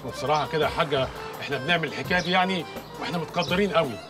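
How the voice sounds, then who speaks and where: A man's voice: a little high, lightly acted. A man with an Egyptian accent playing a fawning henchman who reports eagerly to his boss. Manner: fawning, quick. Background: music score.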